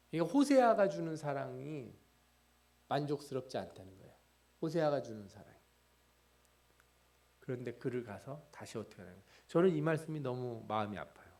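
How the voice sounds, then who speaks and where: Lively, questioning Korean preacher, a man. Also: mid-range voice. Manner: lively preaching, asks the congregation questions and answers them. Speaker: pastor. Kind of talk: sermon. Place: church at a midweek service.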